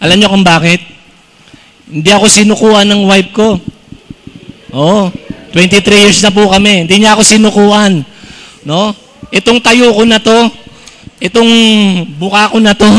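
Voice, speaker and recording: A man's voice: high-pitched, low-quality recording. A middle-aged man preaching a humorous sermon to a congregation, mixing Tagalog with English phrases and calling out to the crowd. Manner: joking, animated preaching with call-outs to the crowd. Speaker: pastor.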